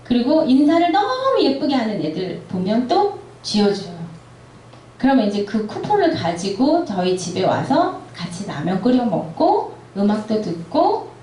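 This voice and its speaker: A woman's voice: on the high side, huge pitch swings, normal speed. A middle-aged woman giving a church seminar for parents, telling stories and acting out quoted dialogue. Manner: warm storytelling, acts out quoted dialogue. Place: church hall. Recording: echoey hall from far off.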